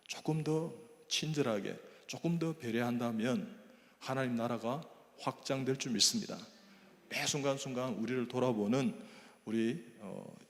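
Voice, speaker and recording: An older man, a church elder, telling a personal testimony as a sermon and acting out the dialogue in his stories. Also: mid-range voice. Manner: storytelling, acting out quoted dialogue, breaks into hymn singing. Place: church sanctuary. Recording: echoey church hall.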